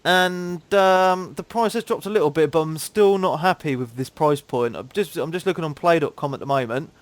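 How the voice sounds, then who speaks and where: A man's voice: on the high side, normal speed, dry recording. A man from Cambridge with a southern English accent, hosting a gaming podcast in laid-back, slangy casual chat. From Cambridge, England.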